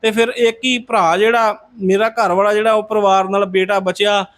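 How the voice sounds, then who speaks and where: A man's voice: high-pitched, flat delivery, moderate pace, fairly bright tone. A man telling a devotional Sikh story in a conversational way, respectfully addressing his listeners as a congregation.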